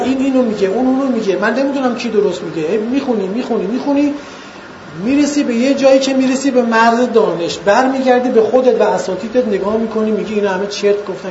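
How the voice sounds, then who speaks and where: A man lecturing students in an earnest way, asking rhetorical questions and slowing down to stress points. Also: very high-pitched, darkish tone, a little hiss or hum. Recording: echoey, dull lo-fi room recording.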